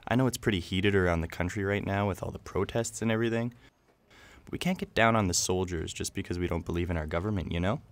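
A man playing a kindly, earnest office worker with a gentle, sincere manner in a puppet parody. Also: deep voice, fast. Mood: earnest, subdued.

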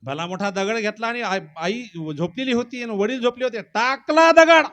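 A male preacher telling a devotional story in a dramatic way, swinging between low murmurs and loud cries and breaking into song. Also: brisk, over loud music. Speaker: kirtan preacher.

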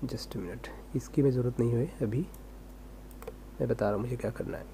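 Male coding tutor, relaxed mellow delivery, rhetorical self-questions as he types, light hum in the recording. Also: medium pitch, normal speed, creaky. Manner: casual, rhetorical self-questions, talks while typing. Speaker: programming tutor.

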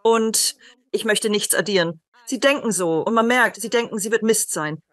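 A woman's voice: mid-range voice, normal speed, a bit bright, dry recording. A woman from Britain, a psychic medium, telling personal stories in an interview and acting out the quoted dialogue.

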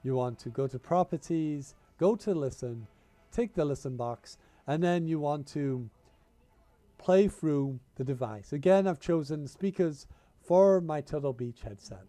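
With a cold and a tickly cough, a channel host gives a casual screen-recording tech tutorial, chatty and plain, stringing together repeated "you wanna" steps. His voice is slightly high for a man but dark and mellow, unhurried, captured on a gaming headset mic in a home room with no echo.

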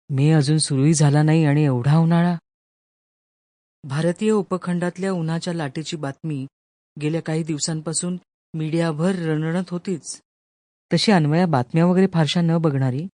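A woman audiobook narrator reading a literary short story in a measured, storytelling manner, recorded close in a studio. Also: low-pitched, mellow, no room sound. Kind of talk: scripted narration.

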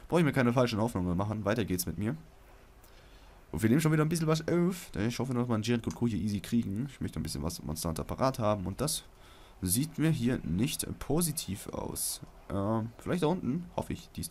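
Slangy young male gamer, low voice. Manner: slangy, with sudden loud outbursts at the game. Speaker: let's play gamer. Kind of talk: casual gameplay commentary.

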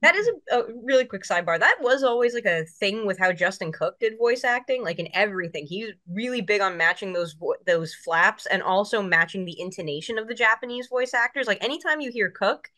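A woman's voice: medium pitch, expressive, fairly quick, few pauses, sharp tone. A woman co-hosting an anime rewatch show, chatting animatedly and tossing in fan trivia. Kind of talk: casual reaction chat.

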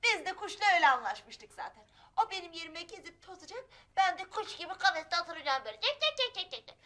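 A woman's voice: extremely high pitch, sing-song, fast talker, sharp tone, heavily acted. A sarcastic young woman. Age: young adult. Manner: sarcastic, teasing. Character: witty sarcastic young woman stuck at home.

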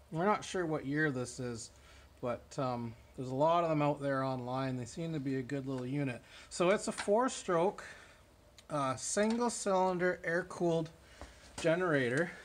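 Plain-spoken man demoing a generator. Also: on the high side. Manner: plain, matter-of-fact explaining with fillers. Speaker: equipment seller demonstrating a generator. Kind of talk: casual product demo. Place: indoor barn or workshop with concrete floor.

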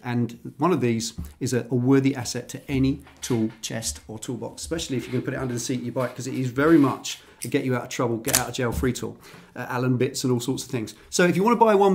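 A man's voice: medium pitch, a little mellow, slight background noise. A man hosting a casual garage vlog, chatty and enthusiastic, recorded on a standalone microphone. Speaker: channel host.

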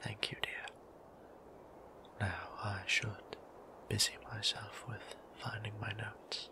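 Whispering tenderly, a man plays a gentle, formal vampire priest in ASMR, with courtly old-fashioned manners. The voice is lowish, slow and shows little pitch movement.

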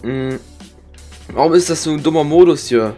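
A man's voice: a little high, normal speed, mellow, soft background music. A young man from Germany gives casual, rambling gameplay commentary in slangy speech, grumbling and swearing. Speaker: gaming streamer. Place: indoor room with webcam.

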